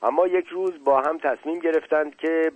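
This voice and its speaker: A man narrating a children's story calmly and evenly. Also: on the high side, no room sound, narrow, tinny audio. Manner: calm, even storytelling.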